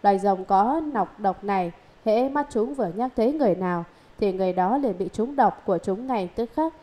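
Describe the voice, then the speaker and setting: A woman giving a steady, measured scripted reading of a Buddhist sutra commentary. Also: mid-range voice, dull audio.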